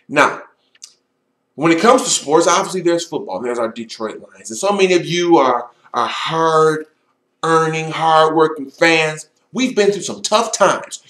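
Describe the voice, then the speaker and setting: Male, fairly high pitch, conversational locker-room pep talk for sports fans, motivational and emphatic, roomy echo on the recording. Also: a bit bright. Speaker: sports fan commentator. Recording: echoey room.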